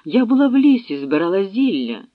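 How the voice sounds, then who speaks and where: A man voicing a terrified old woman, pleading high. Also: big pitch swings, fairly quick, no room sound, narrow, tinny audio.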